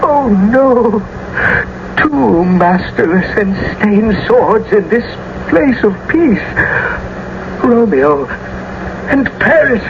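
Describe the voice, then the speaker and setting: An actor playing an anxious, devout friar in a classical radio drama. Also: male voice, high voice, very animated, drawn-out words, long pauses, exaggerated voice. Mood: fearful dread. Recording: muffled, noisy old radio broadcast.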